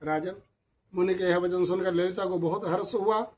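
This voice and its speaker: High-voiced man narrating a devotional tale. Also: steady tone, darkish tone, poor audio. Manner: reverent, measured. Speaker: devotional storyteller.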